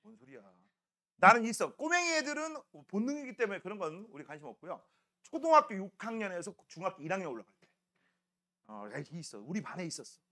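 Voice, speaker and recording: A middle-aged man teaching a science class, telling animated stories and throwing in chatty rhetorical questions. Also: high-pitched, fast. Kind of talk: classroom lecture.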